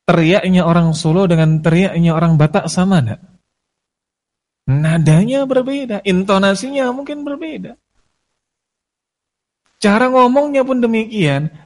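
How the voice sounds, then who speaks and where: A man delivers a religious lecture to a room of students, his voice sitting a little high. He unpacks a verse slowly and then acts out little everyday arguments between friends to make his point. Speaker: Islamic religious teacher.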